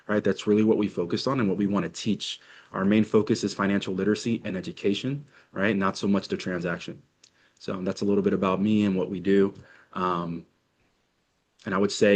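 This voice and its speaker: A man who is a guest in an interview, talking confidently and tagging his points with a questioning aside. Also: fairly low pitch. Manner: confident, keeps tagging "right?". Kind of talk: interview conversation.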